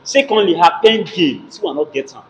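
A young adult man with a Nigerian accent speaks in a high, animated, fairly quick voice, casually debating music in a mix of English and Pidgin. He's emphatic, repeating himself to drive his point home. The noisy pickup comes from a medium-sized indoor gym.

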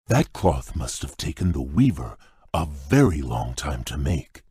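Gentle, shy beast prince for a game: rumbling, husky, slow, formal, dry studio sound. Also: male voice, sing-song, no room sound, exaggerated voice. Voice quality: very deep and husky. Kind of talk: video game voice lines.

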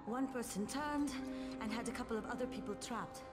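A woman's voice: fairly high pitch, brisk, lightly acted. A woman playing a stern, weary survivor, terse and grave, in a video game. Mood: grave, urgent. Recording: roomy echo under loud music.

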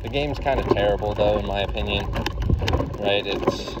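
Man rambling casually outdoors over loud noise. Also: fairly low pitch, normal speed. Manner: hesitant, blunt, informal, often swearing. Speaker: card game vlogger. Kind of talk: casual rambling monologue recorded on a walk. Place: outdoors, walking.

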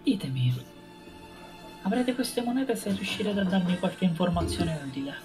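A man playing a tabletop role-playing game, speaking casually and deliberately in character. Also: sits high, very animated, a little mellow, faint music behind. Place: indoor room, online group stream.

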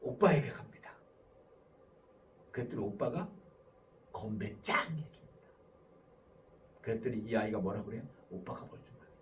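A man's voice: lowish voice, expressive, normal speed, pauses often, distant mic, a little hiss or hum, poor audio. A man lecturing to parents, asking questions and answering them himself. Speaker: professor giving a parenting lecture.

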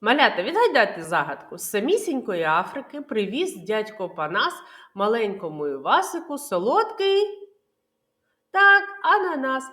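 A woman kindergarten teacher giving a literacy lesson to young children, explaining patiently and clearly with many questions. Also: a little high, very animated, moderate pace, bright, forceful tone.

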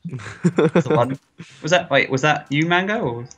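A man's voice: a little high, a little slow, a bit bright, slightly rough. A man chatting over a game, cracking puns and laughing often. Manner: joking, punning, laughs often. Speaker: gaming group member. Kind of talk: casual gaming chat.

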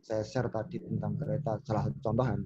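A man, a podcast guest telling stories in a relaxed chat and acting out the lines he quotes. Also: on the low side, quick pace, slightly rough, highs cut off. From Solo, Central Java. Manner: animated storyteller who acts out quoted lines. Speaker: podcast guest, business owner.

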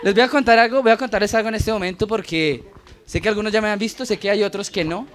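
A man's voice: high voice, fast. A man with a Colombian accent doing a crude, profane, self-mocking stand-up routine on a bar stage. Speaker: stand-up comedian. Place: bar stage before a live audience. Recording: live bar set with crowd laughter and noise.

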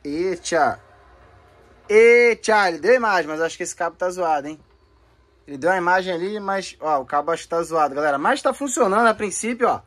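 The voice is medium-pitched, animated, brisk and fairly bright. It belongs to the host of a gaming video channel who speaks with a Brazilian accent. Informal and playful, he casually walks viewers through hands-on testing of game consoles using slangy speech.

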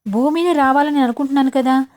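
Woman voicing a bubbly young sister with a high voice. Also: fast talker, a little mellow, lightly acted. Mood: cheerful.

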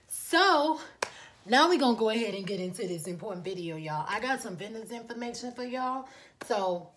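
A woman's voice: medium pitch, fairly bright tone, breathy edge. A woman esthetician chatting casually to her viewers, enthusiastic and talkative, calling them y'all. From Miami, USA. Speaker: esthetician and beauty business owner. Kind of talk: casual vlog talk to viewers.

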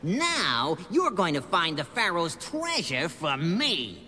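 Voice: mid-range voice, wildly swooping pitch, slow, very noisy. An actor voicing a scheming, cowardly rat thief in a cartoon. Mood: gloating. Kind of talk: cartoon voice acting. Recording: loud music behind.

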